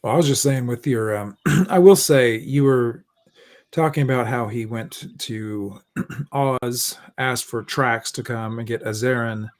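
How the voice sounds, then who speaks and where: A man takes his turn in a casual online book club and rambles through his point with trailing asides and throat-clearing. His voice sits at an ordinary middle pitch. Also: measured pace.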